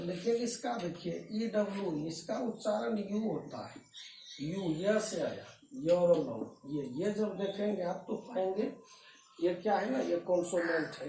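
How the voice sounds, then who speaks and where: A man's voice: high voice, gravelly, mellow, slight background noise. Echoey, distant male tutor explaining patiently. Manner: patient, repetitive explaining with rhetorical questions. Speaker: English tutor. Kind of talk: blackboard grammar lesson. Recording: roomy echo, voice from a distance.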